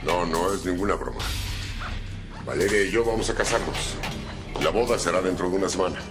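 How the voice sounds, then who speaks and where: A stern, deep-voiced father. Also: a little fast, over music. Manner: firm and scolding. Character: stern wealthy middle-aged father. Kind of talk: telenovela acting.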